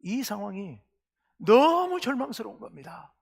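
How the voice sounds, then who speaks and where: Pastor guy preaching w a gravelly voice, asks questions then answers them, big echoey church sound. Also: high voice, sing-song, a little slow. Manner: swings between hushed asides and loud impassioned cries. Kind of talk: sermon. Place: church sanctuary. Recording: long reverb of a church hall.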